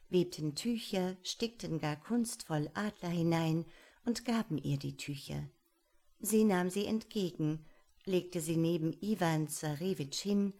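A woman reading a fairy tale aloud in a measured storytelling manner. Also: lowish voice, a little mellow.

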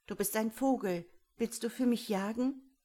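Young lame puma girl voiced by a woman, proud, hurt, breathy, fierce. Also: on the high side, normal speed, dark tone, pitched above the performer's own voice, lightly acted. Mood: doubtful.

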